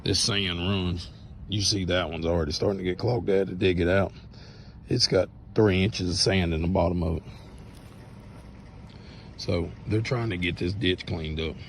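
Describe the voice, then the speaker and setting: Hoarse man, low voice, folksy rambling vlog on his land, wind and outdoor noise behind. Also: fairly even intonation, normal speed, long pauses. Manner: plain-spoken, rambling, folksy. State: sore throat, lost voice. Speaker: vlogger showing his land. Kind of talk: casual walk-around vlog. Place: outdoors on rural property.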